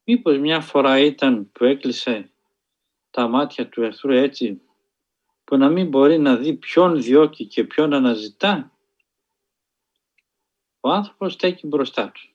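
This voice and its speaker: A man delivers a sermon-style story, earnest and measured, leaning on dramatic pauses. His voice sits at a middle pitch. The recording is a little dull and lo-fi. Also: darkish tone. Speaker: preacher.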